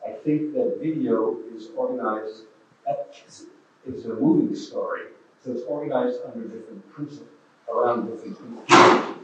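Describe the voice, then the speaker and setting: A man's voice: mid-range voice, moderate pace, lo-fi sound, background noise. A man in the audience of a museum talk, earnestly asking a long question. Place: museum auditorium. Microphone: far from the mic. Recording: distant, echoey hall audio.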